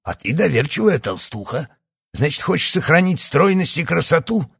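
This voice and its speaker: A man's voice: on the low side, sing-song, normal speed, gravelly, husky, no room sound, studio quality, heavily acted. A man voicing a scheming old doctor who is secretly a villainous professor, speaking in a condescending, sly way in an audiobook. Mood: sinister. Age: over 60. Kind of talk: audiobook character acting.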